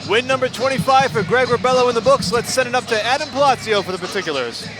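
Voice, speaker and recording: A man's voice: very high voice, lively intonation, fast, over music, low-quality recording. A man calling a live fight as lead play-by-play commentator on a broadcast. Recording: broadcast over loud crowd noise. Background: loud arena crowd.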